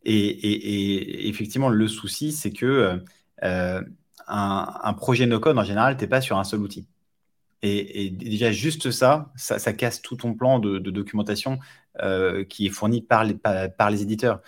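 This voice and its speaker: A man with a fairly low voice talks as a podcast guest. He explains in a relaxed, conversational way, with frequent hesitations and repeated words. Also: moderate pace. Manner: hesitant, many fillers and restarts. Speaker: startup founder guest. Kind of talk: casual podcast interview.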